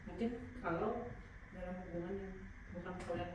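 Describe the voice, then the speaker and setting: A woman answers interview questions quickly and hesitantly. Her voice is far from the mic in a very echoey room with clear noise behind. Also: lowish voice. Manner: hesitant, with fillers. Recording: echoey distant noisy room.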